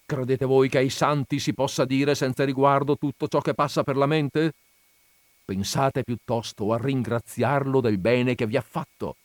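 A jittery old country priest, as a man reads him aloud, hissing and scolding in fear, then fawning with anxious courtesy. His voice climbs high and loud when he panics. The storybook reading is close and dry. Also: steady tone, normal speed, no room sound, natural voice. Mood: fearful scolding. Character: timid, fretful elderly village priest.

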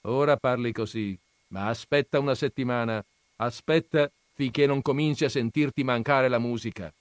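A sharp-tongued old grandmother teases her husband, put on by a male reader. Her voice is lifted and pointed, mocking him without backing down. The sound is close and dry. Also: medium pitch, moderate pace, dry recording, voice pushed up, natural voice. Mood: teasing.

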